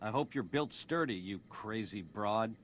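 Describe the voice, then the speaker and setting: A slick, cocky casino boss. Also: male voice, fairly low pitch, expressive, a little slow, fairly bright tone. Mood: smooth. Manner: jive slang, suave crooning delivery. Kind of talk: video game voice acting.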